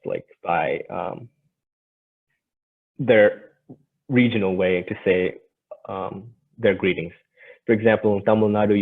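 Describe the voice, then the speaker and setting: Guy doing a casual presentation, kinda halting, raspy voice, sounds like a tinny phone. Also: fairly low pitch. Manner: hesitant, halting delivery. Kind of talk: informal slide presentation. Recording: tinny, phone-like narrow band.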